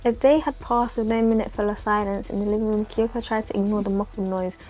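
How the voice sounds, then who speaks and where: A woman reading a story aloud to friends, quickly and evenly. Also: medium pitch, fairly even intonation, a little mellow, faint music behind.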